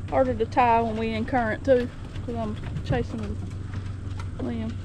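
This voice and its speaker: A woman's voice: a little high, level tone, moderate pace. A woman chatting casually outdoors on a boat on a river. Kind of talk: casual chat. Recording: clear boat and outdoor noise.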